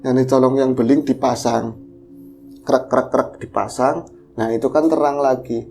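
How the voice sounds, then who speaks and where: Gravelly male storyteller. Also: mid-range voice, a little slow, faint music behind. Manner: animated, acts out the voices of characters. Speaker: podcast storyteller. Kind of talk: casual horror storytelling.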